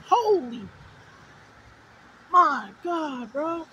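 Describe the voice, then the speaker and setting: A woman giving excitable live storm-chasing commentary in short, repeated exclamations. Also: high-pitched, very slow, muffled recording. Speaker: storm chaser livestreaming. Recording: noisy outdoor recording with rain and wind.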